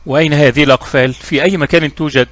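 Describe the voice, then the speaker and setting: A probing inspector presses with firm questions, as a storyteller plays him. He speaks quickly, in a dry, close voice. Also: fairly high pitch, fairly even intonation, a bit bright, dry recording, close to an everyday voice. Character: probing male police inspector.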